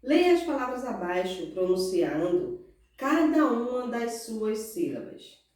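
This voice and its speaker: A Brazilian woman teacher gives a recorded lesson in a very echoey room, heard from some way off the microphone. She speaks at a slow, patient pace in a mid-range voice, drawing out key words and asking the children questions before answering them herself. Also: fairly high pitch, sing-song, darkish tone. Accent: Brazilian Portuguese. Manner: slow, patient, drawn-out word stresses; asks pupils questions and answers in their voice. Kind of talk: recorded remote class lesson. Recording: roomy echo, far from mic.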